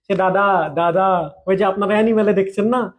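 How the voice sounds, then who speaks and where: Steady in tone and at normal speed, a man with a high-sitting voice delivers a chatty recorded grammar lecture online. He repeats his examples, often checks in with students, and jokes around with them partway through.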